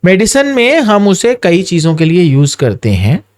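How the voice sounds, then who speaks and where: An orthopedic surgeon speaks in a measured, advising way, with a voice set a little high for a man. He drops into his explanations as an interview guest. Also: wildly swooping pitch, a little mellow. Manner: measured, advising, mixes English phrases.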